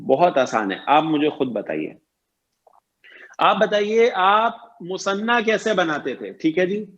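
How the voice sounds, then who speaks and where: A man with a fairly high voice leads an online grammar lesson. He talks patiently, repeats each point and keeps checking that his students understand. The audio is muffled, like a lo-fi call line. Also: sing-song, fairly bright tone. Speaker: Arabic grammar teacher.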